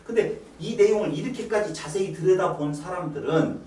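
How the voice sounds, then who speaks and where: A middle-aged male pastor preaching in a church, animated and coaxing his listeners to answer his questions. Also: high voice, brisk, slight background noise. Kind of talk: lively sermon with questions to the congregation. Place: church sanctuary. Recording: roomy sound from a distant mic, faint ambience.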